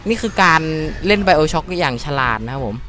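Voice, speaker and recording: A young man hosting a let's play video, commenting on his gameplay casually, swearing and swinging between startled shouts and low mutters. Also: animated, normal speed, soft background music. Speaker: gaming channel host.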